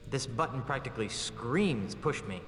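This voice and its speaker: A man playing a wry, eager, naive young pirate hero in an animated adventure game, quipping on what he sees. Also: medium pitch, moderate pace, faint music behind, close to an everyday voice. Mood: curious.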